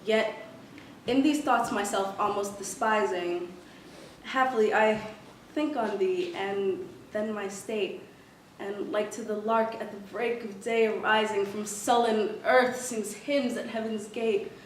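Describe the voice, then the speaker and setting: A woman's voice: medium pitch, fairly even intonation, slow pace. A woman reciting a sonnet dramatically as a contestant. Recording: echoey hall, distant mic, faint noise.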